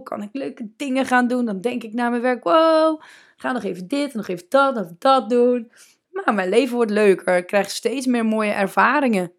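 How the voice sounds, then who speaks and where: A woman coach hosts a podcast on her own, speaking casually and emphatically with a voice on the high side. She slows down to stress her points and drops English words into her speech.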